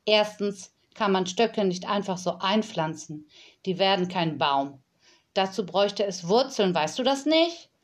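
A woman voicing a strict, bossy girl in a storybook reading, sharp and scolding. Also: mid-range voice, lively intonation, measured pace. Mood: lecturing.

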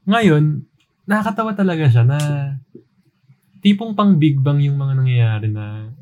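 A man co-hosting a casual podcast, relaxed and laughing often while telling anecdotes. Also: on the high side, a little slow, dull audio. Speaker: podcast co-host. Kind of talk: casual storytelling chat.

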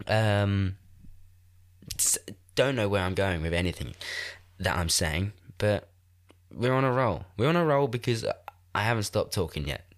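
An unhurried podcaster in his twenties pauses often, his fairly low voice carrying lively intonation despite a stuffy, blocked nose. Working solo at a desk microphone in a shared-house room, he rambles with self-mockery and swears freely.

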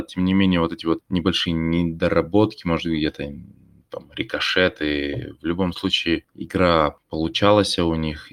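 A man's voice: very deep voice, no room sound, clean studio sound. A man giving earnest, hopeful football analysis after a match. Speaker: football pundit. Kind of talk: post-match discussion.

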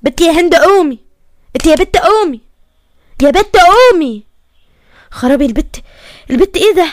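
A woman's voice: animated, fast talker, warm tone, no echo. A woman voicing a panicked middle-aged Egyptian mother who wails and cries out in grief. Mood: alarmed. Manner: wailing, shrill, frantic.

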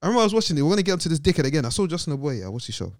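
A man's voice: fairly high pitch, big pitch swings, rapid-fire. A young man with an urban London roadman accent, hosting casual group banter in a slangy, exasperated ranting manner. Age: young adult. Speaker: podcast host.

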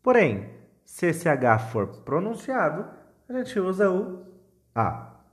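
A Brazilian English teacher leads a call-and-repeat lesson at an unhurried, measured pace. The pitch moves widely between prompts and model phrases, and each phrase is spoken carefully so it can be echoed back. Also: very animated. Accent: Brazilian Portuguese.

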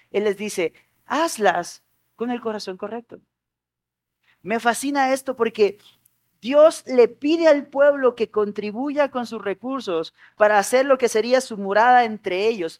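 A man's voice: very high-pitched, dry recording, studio quality. A man preaching a Sunday sermon, earnest and repeating his key points with small stammers. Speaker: pastor.

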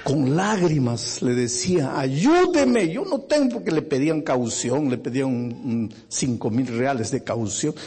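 A man preaching a sermon, with dramatic, emphatic storytelling and a husky voice. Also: mid-range voice, mellow.

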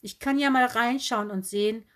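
A bubbly young bookseller from a storybook, voiced by a woman. She chirps along brightly and lightly, oddly matter-of-fact about nonsense. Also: a little high, moderate pace, voice pushed up, lightly acted. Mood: chirpy. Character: cheerful quirky young female bookseller in kimono.

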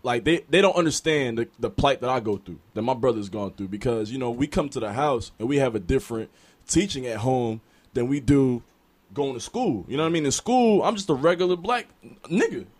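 A man's voice: medium pitch, lively intonation, brisk. A young man, a French speaker by birth, making earnest points in a casual podcast discussion. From United States, family from Cameroon. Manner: earnest, argumentative, often asks "you feel what I'm saying". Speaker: podcast panelist.

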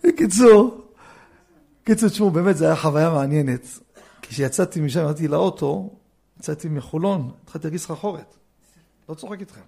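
A man, a rabbi, giving a religious lesson, telling stories with joking asides and swinging from hushed remarks to loud emphasis. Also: fairly high pitch, creaky, long pauses, breathy edge. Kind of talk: Torah lesson with anecdotes.

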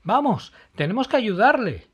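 Man doing a high-pitched brave little girl. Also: wildly swooping pitch, unhurried, full character voice. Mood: urgent. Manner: urgent, shouting commands. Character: brave young girl heroine.

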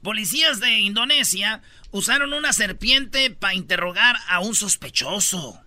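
A man with a Mexican Spanish accent hosting a comedy podcast, telling joking stories and shouting out quotes in put-on high voices. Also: animated, normal speed, no echo. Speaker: podcast host. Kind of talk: joking storytelling chat.

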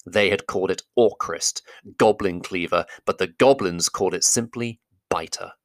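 Deep-voiced man reading a storybook aloud. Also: no room sound. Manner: steady, measured storytelling. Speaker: narrator. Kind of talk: audiobook reading.

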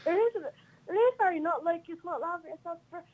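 A woman's voice: extremely high pitch, lively intonation, fast, darkish tone, lo-fi sound. A woman calling in to a radio show, chatting and giggling as she tells a story. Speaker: caller guest. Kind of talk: casual chat.

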